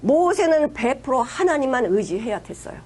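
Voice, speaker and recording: High-pitched woman pastor preaching. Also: very animated, normal speed, a little mellow, breathy edge. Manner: retells scripture with acted quotes, emphatic and conversational. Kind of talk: sermon.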